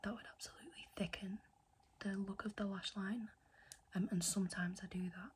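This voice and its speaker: A woman's voice: medium pitch, flat delivery, fairly quick, a little hiss or hum. A young woman whispering a chatty ASMR makeup tutorial, rambling and often correcting herself. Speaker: ASMR creator.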